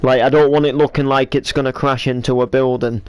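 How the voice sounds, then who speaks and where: A man's voice: mid-range voice, level tone, brisk, a little mellow, clean tone, dry recording. A man from East Yorkshire chatting casually and joking with a friend while playing a building game. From East Yorkshire, England. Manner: joking, rambling, many fillers. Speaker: gaming channel host. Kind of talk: casual chat while gaming.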